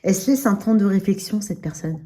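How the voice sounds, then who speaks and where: A tarot reader with a warm, medium-pitched voice speaks briskly with lively intonation against slight background noise. Addressing the listener directly in a casual reading, she checks in often with short tags, and her dental braces make her words a bit slurred.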